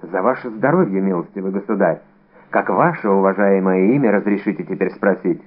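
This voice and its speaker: A man reading an audiobook, voicing a deferential guard captain who mutters low and humbly, in a narrow, phone-like recording. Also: a little fast, husky. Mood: humble.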